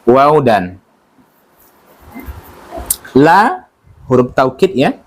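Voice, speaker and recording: A man's voice: medium pitch, sing-song, drawn-out words. A man teaching a religious study class, talking informally, joking and asking his listeners questions. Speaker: Quran teacher.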